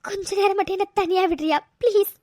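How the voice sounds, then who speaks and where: Brief: woman as gentle, self-blaming cartoon girl in tears; very high pleading voice, dry booth sound. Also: animated, brisk, dry recording. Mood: tearful. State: crying. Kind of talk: cartoon voice acting.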